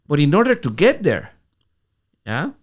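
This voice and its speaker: A middle-aged man co-hosting a podcast, telling an animated story in casual talk with halting restarts. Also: a little high. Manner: animated, acts out quoted voices, halting restarts. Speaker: podcast co-host.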